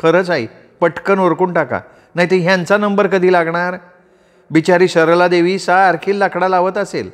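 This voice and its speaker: A man's voice: sits high, normal speed, voice pushed up, natural voice. A man voicing a playful young housewife who teases her brothers-in-law, in an audiobook story. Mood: teasing. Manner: playful, teasing. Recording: roomy reverb.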